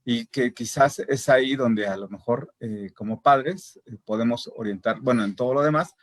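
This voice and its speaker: A man's voice: mid-range voice, normal speed, no echo. A man speaking as a parent on a casual discussion panel, talking hesitantly with many fillers and tag questions as he works through numbered points. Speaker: parent guest.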